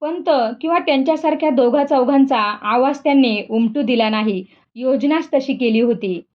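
A woman reads a story aloud in a steady, expressive way. Her voice sits high and the recording sounds dull and lo-fi. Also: normal speed. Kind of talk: story reading.

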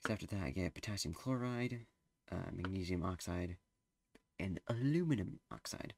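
Low-voiced teen guy rambling over gameplay. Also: lively intonation, normal speed, vocal fry, a little mellow, a little hiss or hum. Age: teens. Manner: rambling, hesitant, full of fillers. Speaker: gameplay streamer. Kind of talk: casual gameplay commentary.

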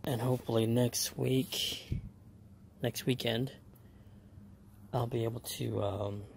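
This is a man talking casually to his camera about his own engine build. His voice has a gravelly edge and stays flat in pitch. He explains step by step, pausing often and filling the gaps with small hesitations. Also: a little hiss or hum. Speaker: home car mechanic.

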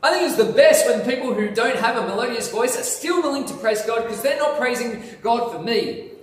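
Standing in front of the altar, a male pastor delivers a fairly quick, animated sermon, gesturing and stressing his points with lively energy. His rather high voice echoes around the reverberant church hall, captured from a distance by a far camera despite his lapel mic, with a faint ambient hum underneath.

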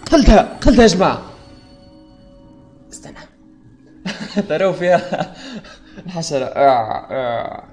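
A gaming streamer, animated and exclaiming, joking with the chat during live gameplay commentary. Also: mid-range voice, a little slow, long pauses, faint music behind.

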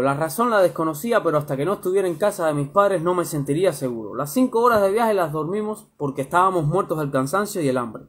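A man reading his own first-person story aloud, lively and colloquial. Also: on the high side.

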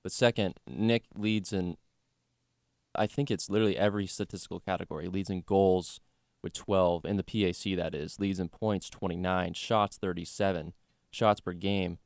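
A young man co-hosts a college sports podcast, joking loosely about games and leaning on fillers like "you know" and "like." His low voice keeps a fairly even intonation at a moderate pace. The casual sports chat is captured in studio quality with no room sound.

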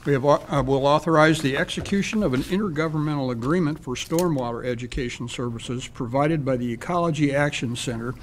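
A middle-aged man as mayor, chairing a town council meeting at a desk microphone and reading agenda items in a measured, businesslike way with frequent fillers. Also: medium pitch. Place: council chamber. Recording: faint hiss in a council chamber.

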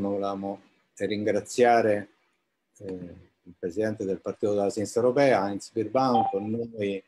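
A man's voice: fairly low pitch, mellow, low-quality recording. A man hosting an informal live interview, with hesitant, roundabout phrasing. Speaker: interview host.

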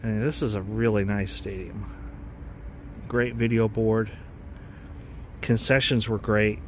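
A man's voice: on the low side, little pitch movement, takes it slowly, slight background noise. A man filming a casual walking vlog as he tours a stadium, talking in an enthusiastic, rambling way and often correcting himself mid-sentence. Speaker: stadium tour vlogger. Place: outdoors in a large stadium.

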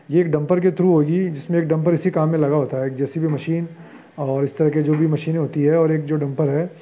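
A man with a slightly high voice walks through an open-pit mine, explaining the work to his viewers in a chatty, step-by-step way. He hesitates often with fillers as he moves along. The sound is dull and lo-fi, like an outdoor phone recording. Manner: explanatory, addresses viewers as friends, frequent fillers. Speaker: vlogger giving a mine tour. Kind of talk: walking tour explanation.

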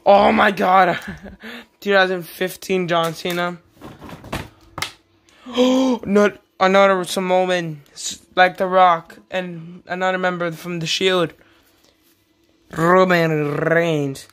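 A woman casually showing off her collection on camera, excitable and gasping often. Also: on the low side, takes it slowly, long pauses, slight background noise. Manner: excitable, with frequent gasps and laughs. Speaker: vlogger showing a toy wrestling figure collection. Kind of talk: casual unscripted show-and-tell.

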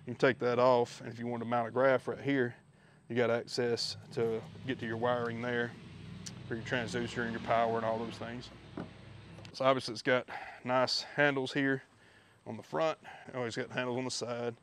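Filmed outdoors in a backyard on a head-mounted action camera, a fishing video host gives a casual walkthrough of his gear. His medium-pitched voice moves at normal speed, relaxed and chatty with many fillers, over a slight hiss or hum.

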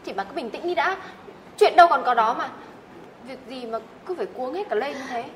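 Một diễn viên nữ đóng cô em gái nói nhanh. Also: female voice, sits high, animated, fairly quick, slight background noise. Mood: soothing. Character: chatty young woman, chairman's younger sister. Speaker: younger sister. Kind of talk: web drama acting.

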